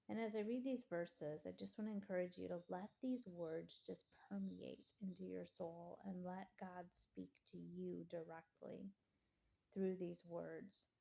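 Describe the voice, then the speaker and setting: A woman giving an earnest devotional talk, reading scripture and slowing down to near-whisper on key phrases. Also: lowish voice, gravelly, dark tone.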